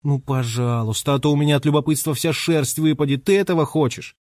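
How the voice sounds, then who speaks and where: A man reading aloud puts on a nosy, restless squirrel-shifter girl who wheedles and pleads, in a slightly raised, unhurried voice. The sound is close and dry. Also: a little high, a little mellow, no echo, voice pushed up, close to an everyday voice.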